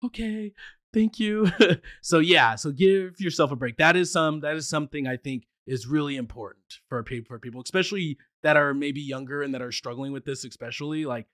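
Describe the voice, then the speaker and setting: A man's voice: fairly high pitch, a little fast, a bit bright, no echo, clean studio sound. A man who stutters at times, talking casually as a podcast guest. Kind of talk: casual conversation.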